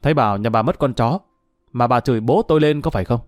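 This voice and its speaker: A man voicing a hot-tempered ex-convict husband who shouts and curses roughly. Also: medium pitch, expressive, fast talker, no room sound, clean studio sound, close to an everyday voice. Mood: menacing.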